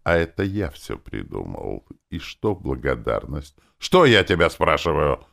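A man's voice: extremely low pitch, very animated, measured pace, creaky, fairly bright tone, full character voice. A man voicing a meek office clerk turned domineering, mocking and drunk on power in an audiobook. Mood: furious. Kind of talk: audiobook character voice.

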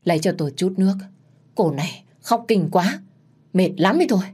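A woman's voice: low-pitched, moderate pace, dark tone. A woman voicing an older female village shaman who gives stern, instructive warnings. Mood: weary.

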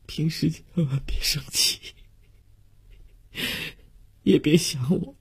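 A man's voice: low-pitched, slow pace, creaky, darkish tone, breathy edge, voice pushed up, full character voice. A man voicing the tearful ghost of a young man saying farewell in a told story, his words choked and broken.

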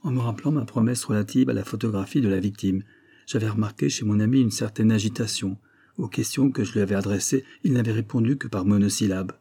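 A man reading a classic novel aloud in measured, even scripted narration. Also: fairly low pitch, breathy edge. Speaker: audiobook reader.

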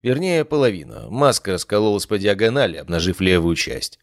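A man reading a first-person fantasy story aloud in a steady, measured way. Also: lowish voice, no echo, clean studio sound. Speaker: audiobook narrator.

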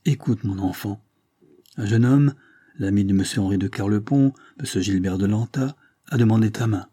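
A man's voice: fairly low pitch, moderate pace, dark tone, husky, no echo, clean studio sound. A man voicing a grieving, stern aristocratic mother as he reads a classic novel aloud, solemn and pleading.

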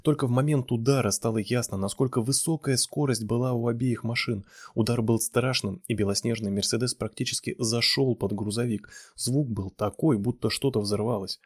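A man reading a romance novel aloud in a steady, measured narration. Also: mid-range voice, slightly rough, no room sound, clean studio sound. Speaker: audiobook reader.

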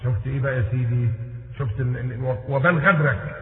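A man's voice: mid-range voice, quick pace. A middle-aged man preaching with an Egyptian accent, telling a story and acting out the dialogue in shifting voices. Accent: Egyptian Arabic. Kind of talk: sermon storytelling. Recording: tinny lo-fi audio in echoey hall.

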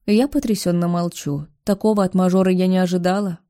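A woman narrating a novel in the first person, steady and expressive. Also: on the low side, brisk. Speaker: audiobook narrator.

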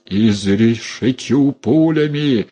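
A man voicing a furious, threatening man with a booming voice in an audiobook. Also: slow, warm tone. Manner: threatening, snarling. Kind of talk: audiobook character voice.

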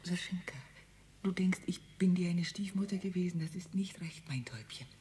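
A woman's voice: on the low side, moderate pace, close to an everyday voice. Woman playing a desperate aging mother. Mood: tender pleading. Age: older. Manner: pleading, mostly in hushed whispers. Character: aging mother desperate to see her dying husband. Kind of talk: radio play acting.

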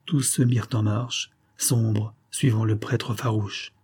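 A man reading a serialized adventure novel aloud in a measured, dramatic way. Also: lowish voice, fairly even intonation, a little mellow, slightly rough. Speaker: audiobook reader.

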